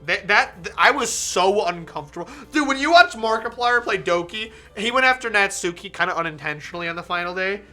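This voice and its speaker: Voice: medium pitch, a little fast, hardly any pauses, soft background music. A streamer giving casual, chatty game commentary, rambling and interrupting themselves, with some swearing. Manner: animated, profane, rambling and self-interrupting. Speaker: gaming streamer reading a visual novel aloud.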